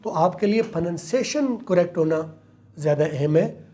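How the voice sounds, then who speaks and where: A man, an English teacher answering interview questions and slowly repeating words to model them. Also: on the high side, animated, dark tone.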